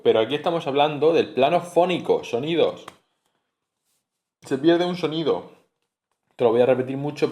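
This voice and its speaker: Guy teaching a phonetics lesson, says sounds out loud over and over, mid pitch. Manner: explanatory, repeats sounds and examples aloud.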